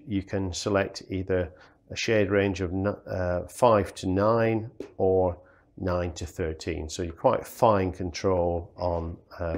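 A product demonstrator walks through welding safety gear at a green table in an indoor studio, speaking plainly and filling gaps with lots of ums and uhs. His voice is low-pitched with a darkish tone.

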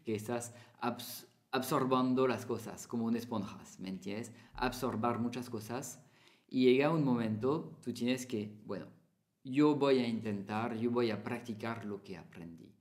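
A man's voice: medium pitch, darkish tone. Chatty teacher man. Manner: chatty, repeats phrases, small Spanish slips. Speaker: French teacher. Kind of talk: casual spoken lesson to camera.

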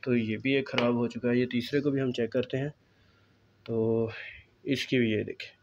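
A man, calmly explaining a step-by-step electronics repair at a workbench, recorded on a phone filming his hands. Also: medium pitch, moderate pace, highs cut off, a little hiss or hum. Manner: calm, explanatory, pointing things out. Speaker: repair technician.

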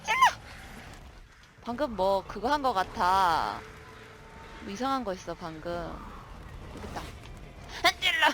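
A woman streamer commenting on her own gameplay, excitable, shouting commands and cursing at monsters. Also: medium pitch, a little slow, pauses often, slight background noise. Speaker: gaming streamer.

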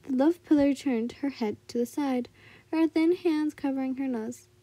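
High, very soft-toned woman storyteller. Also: no echo. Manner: halting, stumbles over words and corrects herself. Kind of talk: amateur narration of a fan fiction story.

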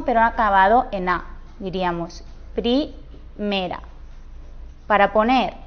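A woman with a Spain Spanish accent teaches at a whiteboard, her voice at a medium pitch. She explains clearly and patiently and speaks straight to her students. The recording sounds a little dull and lo-fi. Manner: clear, patient, addresses viewers directly.

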